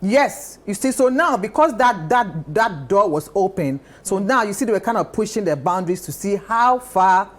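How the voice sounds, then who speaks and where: A woman on a talk panel, telling stories in a lively, insistent way and repeating her points. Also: medium pitch, moderate pace, few pauses. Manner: animated storytelling, repeats phrases. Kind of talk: casual chat.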